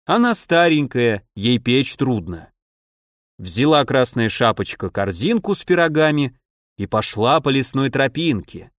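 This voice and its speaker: A man reading a gruff, wry man dressed as Grandfather Frost who tells the children a tale in a dry, drawling way. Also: mid-range voice, sing-song, unhurried, dry recording.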